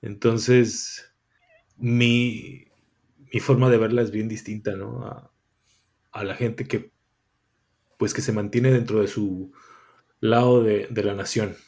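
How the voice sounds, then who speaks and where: A man's voice: fairly low pitch, flat delivery, slow pace, long pauses, darkish tone. A man from Tijuana, a writer and visual artist answering interview questions thoughtfully, often restarting phrases and adding tag questions. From Tijuana, Mexico.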